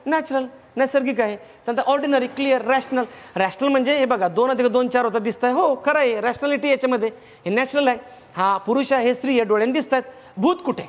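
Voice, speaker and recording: A man's voice: very high-pitched, in a large hall. A man with a Marathi accent teaching vocabulary in a lecture, who repeats words in lists and asks himself questions.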